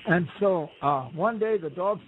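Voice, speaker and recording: In relaxed conversational storytelling, a man appearing as a guest storyteller speaks in an unhurried, high-sitting voice. He rambles in a folksy way and acts out quoted voices, all heard through a tinny phone line with faint hiss.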